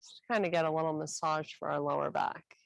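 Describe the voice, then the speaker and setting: A woman instructor guiding a stretching class with calm, encouraging cues. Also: low-pitched, creaky, no echo, low-quality recording. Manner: calm, encouraging cueing with a slow, unhurried delivery.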